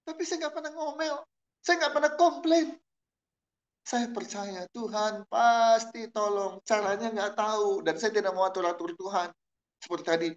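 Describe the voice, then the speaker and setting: A middle-aged man preaching a sermon at a church service, telling a story and asking the congregation questions, shifting from low murmurs to loud exclamations. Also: lo-fi sound. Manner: asks the congregation questions and answers them. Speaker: pastor.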